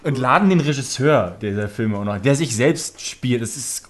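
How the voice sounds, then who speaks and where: A man's voice: medium pitch, expressive, normal speed. A man in a casual podcast chat, retelling a film in a rambling way and laughing as he talks.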